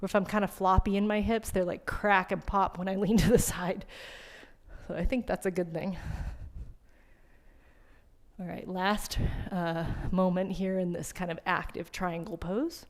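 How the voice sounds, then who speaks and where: A woman's voice: lowish voice, steady tone, measured pace. A woman teaching a yoga class, giving casual, chatty cues and asides while breathing hard. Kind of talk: guided yoga class instruction.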